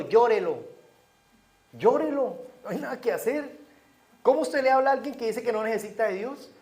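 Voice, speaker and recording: A middle-aged Colombian man preaching a sermon, telling stories and moving between hushed and raised delivery. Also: very high-pitched, reverberant.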